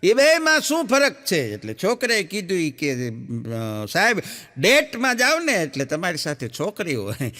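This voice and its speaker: A man doing stand-up, telling jokes in a lively storyteller's manner, acting out the characters and laughing at his punchlines. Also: a little high. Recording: echoey hall sound.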